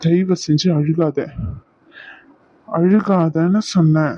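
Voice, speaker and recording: A man's voice: on the high side, steady tone, slow pace, mellow, dry recording. A man voicing a jealous young husband in a dubbed cartoon, sarcastic and accusing, recorded lo-fi. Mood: stern. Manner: accusing, sarcastic, repeats his demands. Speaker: cartoon voice actor.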